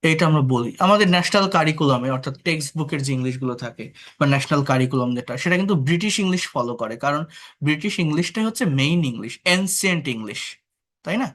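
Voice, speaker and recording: Fast and animated, this man from Bangladesh runs an online English class in a fairly high, slightly bright voice. He patiently works through explanations, asks his students rhetorical questions, and drops English words into his speech.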